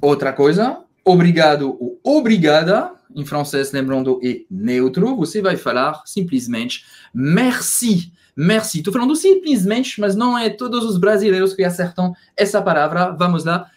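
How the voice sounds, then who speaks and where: A man's voice: high-pitched, big pitch swings, normal speed, few pauses. A man co-hosting a casual video lesson, who repeats each word several times so it can be practiced. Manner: drills words by repeating them. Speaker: language teacher, co-host.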